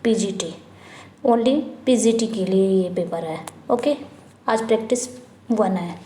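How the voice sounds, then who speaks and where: A woman teacher working through an English exam practice paper, reading each question slowly and then asking and answering it herself, repeating the answer. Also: medium pitch, mellow, slight background noise. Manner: mixes Hindi with English terms, reads questions out slowly. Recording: echoey room.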